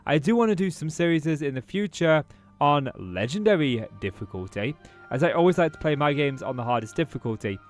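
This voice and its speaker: Soft background music accompanies a gaming YouTuber from Britain as he casually commentates on his strategy game, thinking aloud with a voice a bit off from a throat infection. He talks briskly in a slightly high voice with lively intonation.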